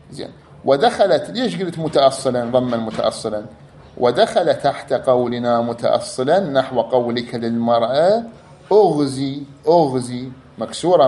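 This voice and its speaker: A man's voice: mid-range voice, a little mellow, a little hiss or hum. A man teaching a class, explaining step by step, repeating key words and drawing out examples. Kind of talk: explanatory lecture.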